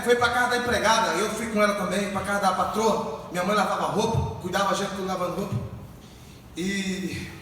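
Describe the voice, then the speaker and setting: A man, a pastor preaching a Pentecostal sermon, telling stories and breaking into shouted exhortation in a church hall. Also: high voice, slight background noise. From Northeast Brazil. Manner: storytelling, bursts into shouted exhortation. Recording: echoey church hall, far from mic.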